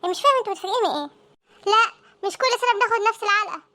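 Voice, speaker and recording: Panicky teenage students in a comic cartoon, with an Egyptian accent, all voiced by a woman. The voices are extremely high and sharp, in squeaky, sped-up chatter at a breakneck pace. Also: expressive, rapid-fire, exaggerated voice. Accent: Egyptian Arabic. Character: panicky teenage students dreading exam results.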